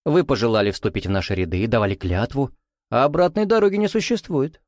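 A man's voice: medium pitch, lively intonation, fast talker, a little mellow, no room sound, close to an everyday voice. A man reading an audiobook, voicing a suave, condescending male lodge commander with a reproachful drawl.

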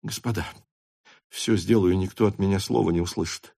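A man's voice: medium pitch, no room sound, clean studio sound, voice pushed up. A man voicing a proud young male officer who pleads and stumbles over his words. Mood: pleading. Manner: pleading, halting and defensive.

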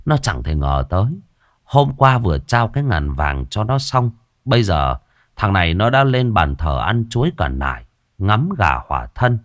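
A man's voice: deep voice, sing-song, moderate pace, dry recording, studio quality. A man, narrating a ghost story in a crude, colloquial way.

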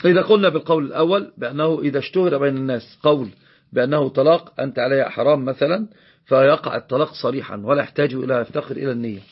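A man's voice: medium pitch, rapid-fire, husky, muffled recording. A man with an Egyptian accent teaching a religious law lesson, explaining a text and repeating key phrases for emphasis. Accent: Egyptian Arabic.

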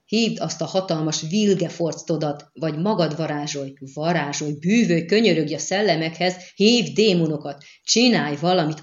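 A woman voicing a desperate, furious male commander who shouts frantic abuse, in an audiobook. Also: low voice, reverberant, muffled recording, natural voice.

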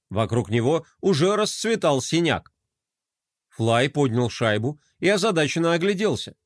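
A man narrates a children's storybook in a fairly high voice that swings widely in pitch. He reads expressively, and the recording is dry and close, with no room sound. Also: no echo.

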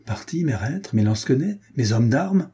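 A man's voice: mid-range voice, big pitch swings, measured pace, mellow, slightly rough, voice pushed up, exaggerated voice. A man reading an audiobook voices an indignant, bitter mercenary captain. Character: gruff released mercenary captain.

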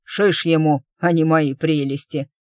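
A woman reading an audiobook, voicing a blunt, hot-tempered young noblewoman who talks gruffly and forcefully. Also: deep voice, normal speed, no room sound, clean studio sound, lightly acted. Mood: furious. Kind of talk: audiobook character voice.

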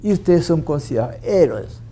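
A man's voice: on the high side, animated, fairly quick, mellow, breathy edge. An older man with a Paraguayan Spanish accent voicing an old grandmother, bitter and grieving, in a reproachful tone.

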